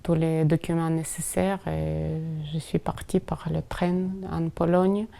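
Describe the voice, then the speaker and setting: Soft-spoken Ukrainian woman, halting. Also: sits low, flat delivery, vocal fry. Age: 30s. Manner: halting, many pauses and fillers. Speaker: interpreter guest. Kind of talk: hesitant interview answers in a second language.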